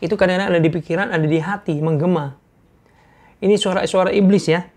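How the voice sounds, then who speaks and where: A man giving an informal sermon-style talk, earnest and repetitive for emphasis, asking his audience questions and clearing an irritated throat. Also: high-pitched, fairly even intonation, fast talker, a little mellow.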